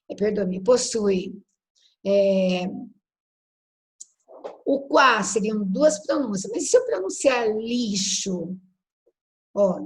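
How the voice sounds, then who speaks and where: A woman's voice: on the high side, poor audio. A woman teacher giving a patient phonology lecture, often checking in with the class and spelling words out letter by letter. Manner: patient and didactic, constant tag questions, spells out letters slowly.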